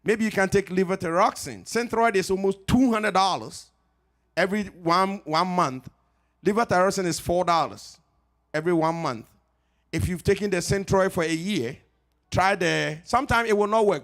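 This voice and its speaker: A middle-aged Ghanaian pharmacist with a Ghanaian accent gives an informal health talk at church. His voice is high and his pace normal, and he's lively and joking, repeating his main points.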